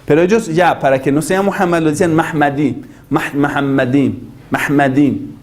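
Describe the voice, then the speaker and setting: Male religious teacher, argumentative lecture, rhetorical questions, somewhat high voice. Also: moderate pace.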